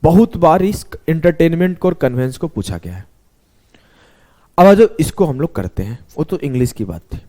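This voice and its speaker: A man's voice: a little high, expressive, normal speed, mellow. A male math teacher explaining a lesson step by step, talking students through sums and spelling words out letter by letter.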